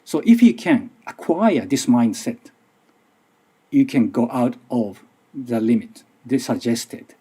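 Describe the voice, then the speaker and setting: A medium-pitched, sing-song voice, warm and husky, moves slowly through a conference presentation. The speaker is a middle-aged university lecturer from Japan using English as a second language with a Japanese accent. He sounds careful and a touch nervous, with frequent restarts.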